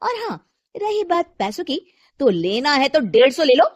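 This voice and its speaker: Brief: arrogant, scolding young housewife for a storybook, a woman reading all roles, high lively voice, dry. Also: normal speed, dry recording. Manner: shrill, scolding and sharp-tongued.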